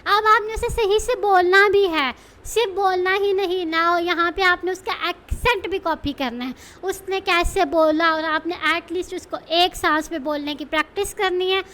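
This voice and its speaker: Woman tutor, very high voice, casual teaching, rhetorical questions, English terms mixed in. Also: fairly even intonation, moderate pace, sharp tone. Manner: explains with many rhetorical questions and check-ins; mixes English terms into Urdu speech.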